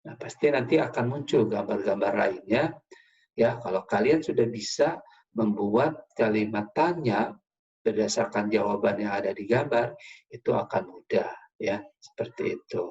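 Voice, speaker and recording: A man's voice: fairly low pitch, normal speed, darkish tone, highs cut off. A male teacher giving a patient lesson to young pupils, often checking in with short fillers. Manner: patient, repeats "ya" and "nah" often. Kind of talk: classroom lesson for children.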